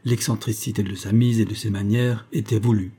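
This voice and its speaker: A man narrating a literary adventure novel in a measured, dramatic storytelling manner. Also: on the low side, fairly even intonation, warm tone, breathy edge. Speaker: audiobook narrator.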